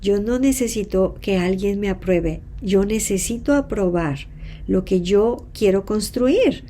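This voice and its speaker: Mexican woman, self-help teacher, expressive storyteller, mellow dark tone, mid pitch. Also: a little slow, slight background noise. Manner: expressive storyteller, voicing quoted people and dropping to a whisper for emphasis. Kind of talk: teaching talk with role-played examples.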